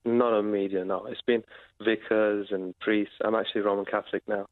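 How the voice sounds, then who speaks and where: A man calling in to a radio show, speaking haltingly with many fillers and pauses. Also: lowish voice, level tone, no echo. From Britain. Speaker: caller. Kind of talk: phone-in radio call. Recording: tinny phone line.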